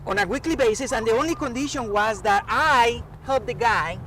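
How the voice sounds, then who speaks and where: Pushed and bright, the man's extremely high voice moves at a moderate pace. He is a Colombian professor and climate change expert, a native Spanish speaker with a Colombian accent, giving earnest, animated explanations as an interview guest. A distant mic picks him up outdoors amid clear traffic noise.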